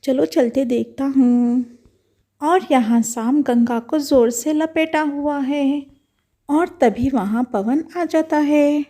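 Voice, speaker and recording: High-voiced woman narrating a doll story. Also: takes it slowly, dark tone. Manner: dramatic, exclaiming asides.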